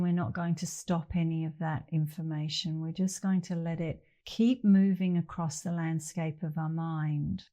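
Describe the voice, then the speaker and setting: Leading a guided meditation, this middle-aged instructor keeps her voice on the low side. Her delivery is gentle, with long silences between phrases.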